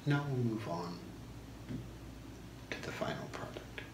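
A man in his thirties doing a whispered role-play as a shopping channel host, soft-spoken, with a slow, deliberate product pitch in a small room. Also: big pitch swings. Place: small home room, indoors. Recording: echoey room with clear background noise.

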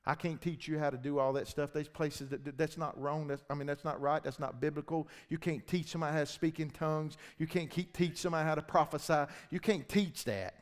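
A man preaching a sermon, swinging between loud shouting and low, intense talk. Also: fairly even intonation, brisk, few pauses. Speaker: pastor. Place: church hall. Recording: long church reverb.

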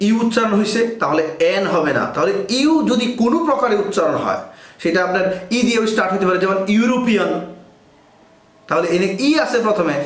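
Man, high voice, echoey room, grammar teacher, step-by-step explaining. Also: a bit bright. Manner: explains step by step, asks and answers his own questions.

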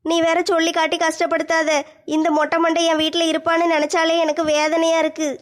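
A woman's voice: extremely high pitch, completely flat delivery, quick pace. A woman acting a village comedy sketch in a brash, mocking way. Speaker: comic sketch performer.

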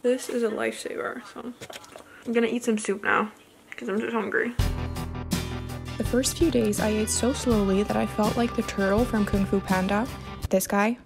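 Young woman vlogging, bit high pitched, lots of creak, casual chatty narration. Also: steady tone, moderate pace, music in the background. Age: young adult. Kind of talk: casual vlog narration and chat.

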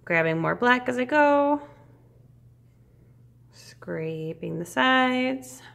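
A woman art teacher giving a casual step-by-step demonstration in an encouraging, reassuring, informal way, with a creaky voice. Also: on the high side, animated, drawn-out words, a bit bright.

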